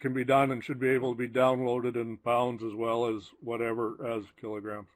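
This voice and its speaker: A man's voice: medium pitch, flat delivery, fairly quick. A man, a conference board member, speaking in an online meeting over a video call and restarting his phrases hesitantly.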